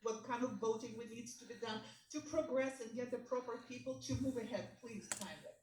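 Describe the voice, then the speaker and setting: A woman's voice: a little high, fairly quick. A woman speaking as a resident at a board meeting, exasperated and pleading. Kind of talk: public comment at a meeting. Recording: echoey room, distant mic, faint noise.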